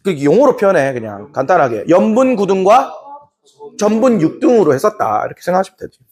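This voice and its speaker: A man teaching a Korean history class in a lively way, now and then acting out short scenes in put-on voices. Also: high voice, fairly quick. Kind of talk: classroom lecture.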